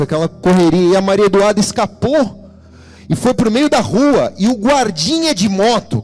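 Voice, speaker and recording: A man's voice: high-pitched, darkish tone. A man with a Brazilian Portuguese accent preaching a sermon in church, telling stories and calling out to the congregation. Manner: storytelling, calls out to the congregation. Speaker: pastor.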